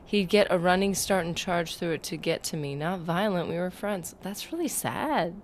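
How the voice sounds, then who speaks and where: Woman gaming streamer, slightly low pitch, loose chatty rambling, reads chat aloud. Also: animated, normal speed, a little hiss or hum. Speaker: gaming livestreamer. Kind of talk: casual livestream chat while gaming.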